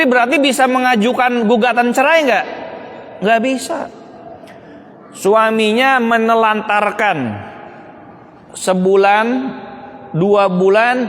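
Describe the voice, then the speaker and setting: A male speaker giving a lively, joking talk to an audience, asking rhetorical questions and answering them himself. His voice is high for a man. A long reverb trails behind him in a large hall. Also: a little slow, long pauses. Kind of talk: humorous public talk.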